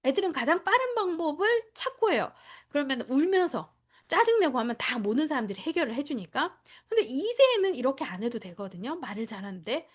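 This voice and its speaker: A woman training daycare teachers, lecturing in a lively way, acting out children's and teachers' lines and checking in with short tag questions. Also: high-pitched, a little fast.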